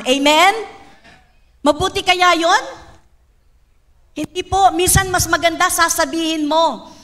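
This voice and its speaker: A woman with a Filipino accent preaching a sermon, calling for amens and slowing down on key lines. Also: high-pitched, bright, forceful tone. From Philippines. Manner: emphatic, calls for amens, draws out key words. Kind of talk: sermon mixing Filipino and English.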